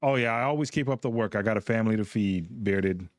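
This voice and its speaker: A man's voice: fairly low pitch, fast, no room sound, clean studio sound. A middle-aged man, chatting casually and tiredly to his stream audience in a rambling, easygoing way and chuckling between thoughts. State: tired, yawning. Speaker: gaming streamer host. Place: home gaming room with a green screen.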